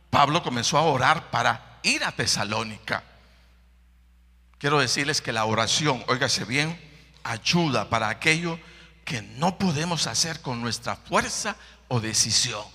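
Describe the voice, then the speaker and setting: A man preaching a sermon as pastor, with a Salvadoran accent, swinging between hushed whispers and loud, impassioned calls. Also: mid-range voice, slightly rough. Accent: Salvadoran Spanish. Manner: impassioned preaching, drops to whispers and rises to shouts. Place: church. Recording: echoey church hall reverb.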